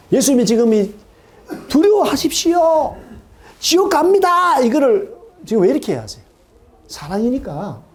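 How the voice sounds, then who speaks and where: Animated high-voiced male pastor. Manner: animated, asks the congregation questions and acts out quoted voices. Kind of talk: sermon. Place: church sanctuary.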